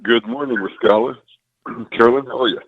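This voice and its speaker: A man's voice: mid-range voice, brisk. A man calling in to a radio talk show as a fishing guest, chatting in an easygoing way over a crackly phone line that fades in and out. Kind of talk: casual radio chat.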